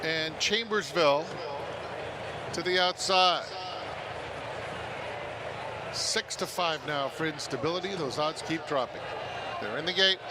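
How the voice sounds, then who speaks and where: A man's voice: on the high side, a little slow, long pauses. A man calling a live horse race as the track announcer at a racetrack. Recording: clear outdoor track noise.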